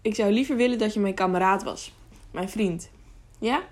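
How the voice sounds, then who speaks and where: A woman voicing an earnest teenage boy squire who speaks softly and modestly in a storybook reading. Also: medium pitch, normal speed, lightly acted.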